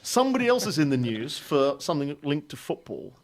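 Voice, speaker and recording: A man's voice: a little high, sing-song, fairly quick. A man hosting a quiz segment, playful and laughing as he asks questions. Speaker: quiz host. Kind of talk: radio quiz banter.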